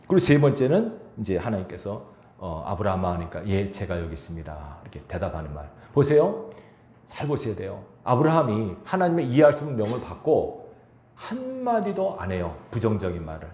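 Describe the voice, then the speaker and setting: A male pastor preaching a sermon, animated, acting out quoted speech and asking the congregation questions. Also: on the low side, brisk, roomy sound, a little hiss or hum. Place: church sanctuary.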